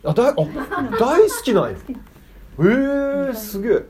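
A man's voice: extremely high pitch, very animated, measured pace, a crowd in the background. A man giving a casual sermon to children, chatting and asking them questions. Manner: chatty, asks the audience questions. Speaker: preacher teaching children.

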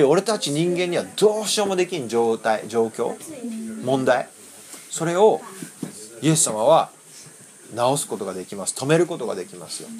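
Male pastor, storytelling sermon; very expressive pitch, plays every part, keeps checking in with listeners. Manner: animated, acts out voices, quizzes the audience. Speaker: pastor teaching children. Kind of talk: lively Bible lesson.

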